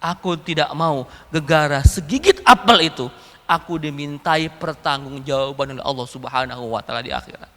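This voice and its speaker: A man preacher voicing a stern, devout old male caliph, speaking gravely and solemnly. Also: a little high, moderate pace, pushed and bright, long reverb tail, pitched below the performer's own voice.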